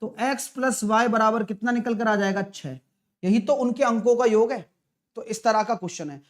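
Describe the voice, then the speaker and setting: A man teaches maths in a live online exam-prep class, his voice sitting fairly high. He talks in a chatty, coaxing way. He keeps prodding his students with quick questions as he works through each problem.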